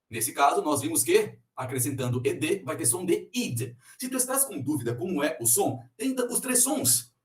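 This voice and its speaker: A man with a fairly high, lively voice leads an English pronunciation lesson. He talks through the rules patiently and says each example word twice. He sounds a little far from the mic in an echoey room. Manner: explains slowly and repeats example words. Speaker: English teacher. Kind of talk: recorded online lesson.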